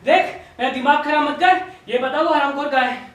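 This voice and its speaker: A performer voicing a hot-tempered, forgetful middle-aged father in a comedy sketch, who scolds and shouts in a very high, squeaky voice. The voice sounds distant and booms around an echoey room. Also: fairly quick. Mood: angry.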